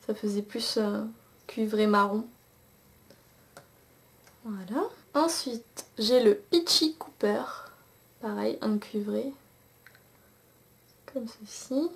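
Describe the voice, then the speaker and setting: A woman's voice: medium pitch, takes it slowly, vocal fry, long pauses. A young woman casually reviewing eyeshadows to a camcorder, chatty, with many fillers and restarts. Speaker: beauty vlogger. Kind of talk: casual makeup review with swatches. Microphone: camcorder mic.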